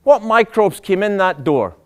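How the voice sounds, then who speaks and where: A man, a doctor, giving a public lecture, animated and full of rhetorical questions to the audience. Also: sits high, a little slow.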